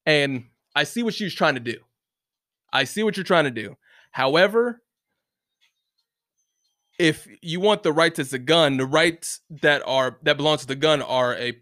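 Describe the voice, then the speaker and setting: A man's voice: medium pitch, unhurried, long pauses, a bit bright, dry recording, clean studio sound. A man ranting casually, rambling with many restarts and fillers and swearing freely. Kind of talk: casual rant to camera. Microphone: close mic, bumped once.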